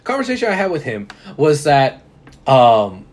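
A man's voice: mid-range voice, wildly swooping pitch, moderate pace, a little mellow. A man co-hosting a casual wrestling chat, rambling with restarts and frequent laughs. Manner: rambling, self-interrupting, laughs often. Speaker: podcast co-host.

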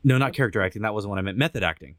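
Male podcast co-host, animated and sarcastic, swears freely; dry close mic. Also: fairly low pitch, very fast, dry recording. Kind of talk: casual chat.

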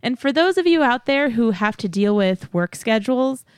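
Cheery woman podcaster chatting to listeners, kinda high voice, dry close sound. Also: expressive, normal speed, darkish tone, clear, resonant tone, no echo. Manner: cheery, enthusiastic, addressing listeners directly. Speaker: podcast host. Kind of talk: upbeat podcast announcement, chatty.

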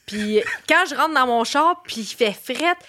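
A young woman with a Quebec French accent, guest in a casual chat, animated and laughing, sometimes yelling for effect. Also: high voice, measured pace.

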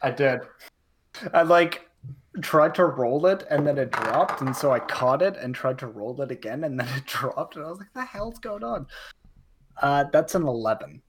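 A woman with a strikingly low voice chats as a player in a tabletop game. She sounds amused and casual, with faint noise in the background. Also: expressive, normal speed.

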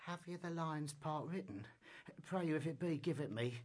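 An actor gives us a timid, plodding joiner with a husky, slightly raised voice. His speech rises and falls as he asks shyly for help. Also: on the high side, normal speed, lightly acted. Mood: meek.

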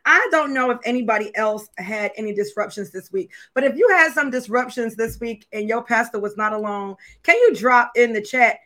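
Chatty woman pastor, slightly high voice. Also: animated, moderate pace, hardly any pauses, fairly bright tone. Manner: candid and self-deprecating, laughing often, asking viewers questions. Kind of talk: casual, conversational sermon opening to an online congregation.

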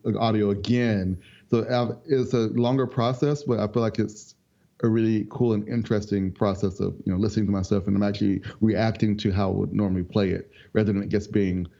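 A man's voice: fairly low pitch, gravelly. A young man from North Carolina, a musician guest, chatting casually and rambling with many ums. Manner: relaxed, rambling, with many ums and quick laughs. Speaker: interview guest, multi-instrument musician. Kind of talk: casual interview chat. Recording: dull lo-fi audio.

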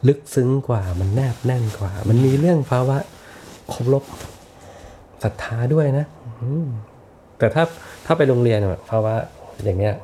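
A middle-aged man talking as a podcast guest in a reflective, unhurried way, often restarting and repeating words. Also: mid-range voice, animated, warm tone, slight background noise. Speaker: podcast guest, architect and teacher. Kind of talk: casual podcast conversation.

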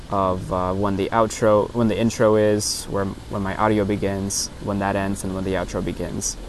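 A man hosting a casual solo podcast outdoors in an open park on a lapel mic, explaining step by step in a halting, self-correcting way. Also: lowish voice, poor audio. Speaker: podcast host and vlogger. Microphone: lapel lavalier into a phone. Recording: outdoor park recording with clear background noise.

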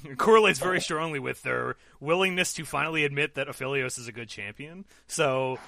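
A man's voice: a little high, creaky, sharp tone. A man hosting a casual esports podcast, talking loosely and correcting himself as he goes. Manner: loose, rambling, self-correcting. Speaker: podcast host.

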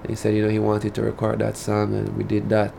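Jamaican man with a country drawl, fairly low. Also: monotone, a little fast, gravelly, mellow, a little hiss or hum. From rural Jamaica (Saint Elizabeth). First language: Jamaican Patois. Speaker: reggae recording artist being interviewed. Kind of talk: casual interview talk.

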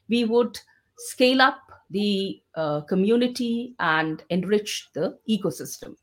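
A woman hosting an online Q&A session as a podcast host, speaking in formal, measured phrases with frequent pauses. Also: medium pitch, a bit bright.

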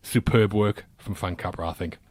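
A man's voice: deep voice, fairly even intonation, moderate pace, darkish tone, faint music behind. A British man delivering confident, opinionated film verdicts in casual podcast chat.

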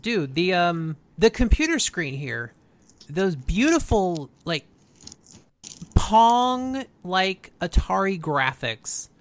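A podcast co-host recapping an episode in casual, informal and animated storytelling. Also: medium pitch, slow pace, no room sound.

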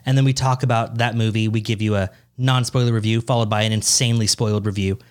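Young man, twenties, podcast co-host; playful teaser, laughs a lot, squeaks up high when worked up. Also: fast talker, clear, resonant tone. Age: 20s. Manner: teasing, laughs often, voice jumps high when excited. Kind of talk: casual podcast banter.

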